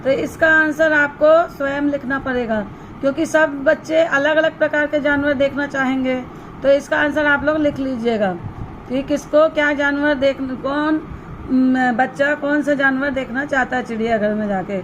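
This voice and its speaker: A woman teacher going slowly through a primary school Hindi textbook exercise. She spells words out syllable by syllable and asks questions that she answers herself. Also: sits high, steady tone, dull audio, a little hiss or hum. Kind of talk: slow classroom walkthrough of a textbook exercise.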